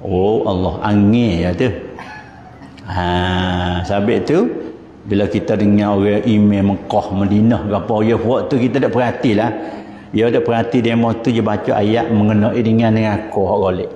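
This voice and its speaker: A man's voice: on the low side, fairly even intonation, moderate pace, dark tone, slight background noise. A man with a Patani Malay accent giving an informal religious lecture in a mosque, chatty and explanatory, chanting verses now and then. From southern Thailand. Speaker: religious teacher. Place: mosque hall. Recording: echoey hall, dull lo-fi sound.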